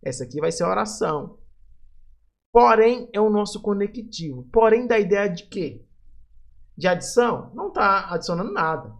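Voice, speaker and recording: Lively high-voiced grammar teacher. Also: male voice, husky. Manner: lively, emphatic, asks and answers his own questions. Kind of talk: explaining exam questions on video.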